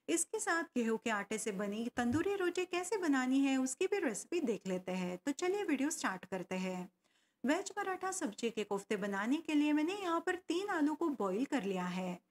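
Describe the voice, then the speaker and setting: A woman talks through a home cooking recipe. She explains step by step and adds tips along the way. Her voice is high and swings widely in pitch. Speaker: cooking channel host. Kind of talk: recipe voice-over narration.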